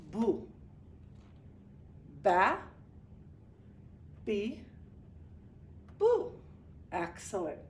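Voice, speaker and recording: Woman teacher, slow patient talk, sounds far off in a roomy classroom. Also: a little high, slight background noise. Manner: patient, repeats sounds slowly, praises often. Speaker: Arabic teacher. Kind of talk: slow, encouraging classroom lesson. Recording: echoey room, distant mic, faint ambience.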